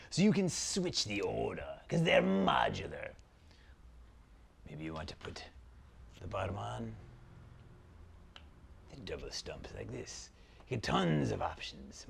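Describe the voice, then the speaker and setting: For a comic product skit, a man takes on a pompous, haughty sorcerer prince, a grand villain, in a low, gravelly voice. He swoops theatrically through his lines and lingers on each word, sometimes dropping into a conspiratorial stage whisper. The delivery is heavily acted, with slight background noise.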